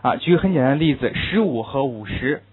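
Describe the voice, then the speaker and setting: A male teacher lectures quickly and emphatically, driving home his key points by repeating them. His voice sits in an ordinary middle register. The recording is thin and phone-like. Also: mid-range voice, animated, slightly rough. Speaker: English teacher. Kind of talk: classroom lecture.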